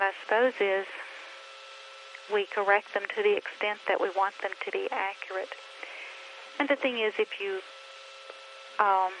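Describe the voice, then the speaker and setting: A middle-aged woman who trains teachers, talking earnestly and deliberately to parents about reading, pausing often and asking many questions. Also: mid-range voice, a bit bright, slight background noise, low-quality recording. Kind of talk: instructional talk to parents.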